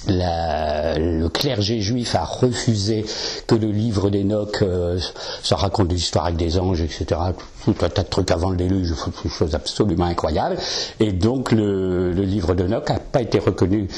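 Guy giving a casual talk to a room, slightly low voice, lots of "hein" and "euh". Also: normal speed, darkish tone. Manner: chatty, explanatory, frequent "hein" and "euh". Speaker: lecturer. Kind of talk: informal lecture to a live audience.

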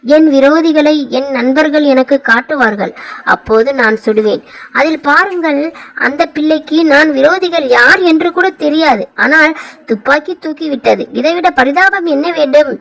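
A woman reads literary prose aloud at an unhurried, thoughtful pace. Her voice sits high, with a gravelly, creaky edge. The delivery is measured and calm, like an audiobook. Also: low-quality recording. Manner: slow, measured, reflective reading. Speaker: reader of a literary essay. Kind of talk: audiobook reading of Tamil prose.

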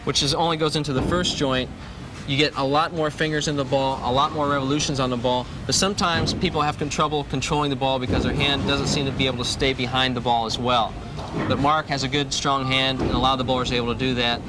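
A professional bowler in his thirties gives an instructional demonstration on grips and shoes, reiterating the essentials. His voice sits in the mid range, steady and quick, captured by a lapel mic inside a noisy bowling alley.

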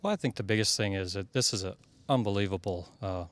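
A basketball head coach from Iowa, a man in his thirties, answers interview questions earnestly with many fillers and restarts. He speaks quickly in a lowish voice into a handheld mic held by the interviewer at an indoor media backdrop, with no room sound.

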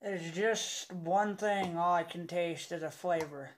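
A young man talks slowly through a lip full of dip. He rambles casually like a home video reviewer, halting between thoughts and sounding unimpressed. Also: sits high. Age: young adult. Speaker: product reviewer. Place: indoors in a home room.

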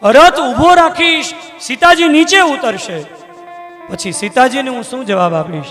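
A man's voice: extremely high pitch, expressive, normal speed, a bit bright, big-room sound, faint music behind. A man voicing a grieving, loyal young prince in a sung religious storytelling, pleading and choked with sorrow. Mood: sorrowful pleading.

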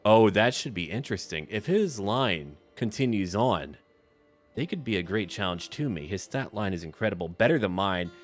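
Speaking at a normal speed with a fairly low pitch and lively intonation, a gaming video host comments casually and in character on a strategy game. He addresses the characters in short, thinking-aloud remarks, accompanied by background music.

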